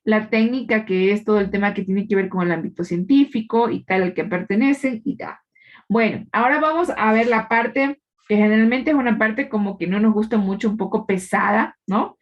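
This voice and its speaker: A woman's voice: mid-range voice, normal speed, highs cut off. A woman teacher giving a live class, explaining patiently and quizzing her students, with frequent tag questions. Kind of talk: live online class lecture.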